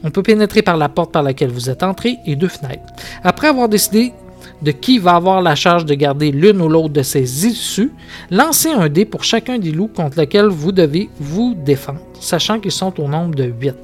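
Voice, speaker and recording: A man's voice: fairly high pitch, animated, moderate pace, faint music behind. A man with a Québécois accent hosting a podcast, reading a gamebook aloud with dramatic narration and casual asides. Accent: Québécois French. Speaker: podcast host.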